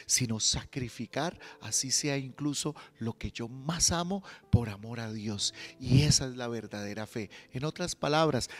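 A Colombian priest preaches a storytelling sermon at a middle pitch, often turning to his listeners with questions. Soft music plays faintly behind his voice. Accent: Colombian Spanish.

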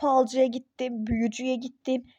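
A woman's voice: sits high, little pitch movement, normal speed, dark tone, no room sound. A woman voicing an irritable, skeptical young pregnant mother in a phone-game role-play story, snappish and sarcastic. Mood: exasperated.

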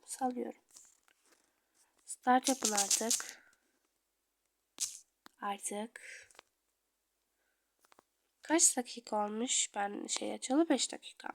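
A young woman chatting casually through her gameplay as a video creator, dramatic, drifting between murmurs and loud outbursts. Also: a little high, takes it slowly, creaky, pauses often, a little hiss or hum.

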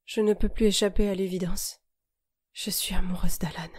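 A woman reads her novel aloud in the first person, calm and measured. Her voice is mellow and warm, never sharp. The recording is dry and close, with no echo. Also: mid-range voice. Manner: calm, measured, intimate reading. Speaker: audiobook narrator and author.

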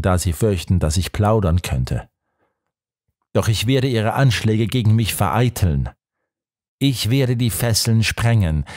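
A man's voice: mid-range voice, darkish tone, no echo, clean studio sound, close to an everyday voice. Defiant young woman read by a man, firm, scornful, captive, audiobook. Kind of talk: audiobook reading.

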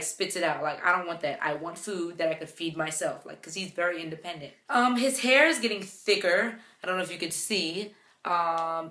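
A young mother talks to the camera in a loose, chatty way, full of "like" and "um", retelling little moments with animation. Her voice is bright and forward. The room around her gives a noticeable echo. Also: medium pitch. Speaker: vlogger, mother. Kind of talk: casual chat to camera. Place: home room with her baby beside her. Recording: echoey room.

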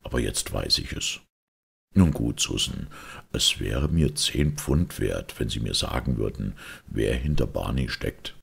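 A man voicing a calm, cutting male detective who speaks slowly and in a low, menacing tone. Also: creaky, breathy edge, exaggerated voice. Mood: coolly menacing.

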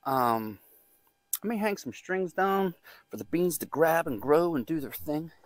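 A man's voice: fairly high pitch, expressive, unhurried, slight background noise. A man filming a casual gardening vlog outdoors in the woods and garden, chatty and rambling, poking fun at himself. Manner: chatty, rambling, self-deprecating. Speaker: gardening vlogger.

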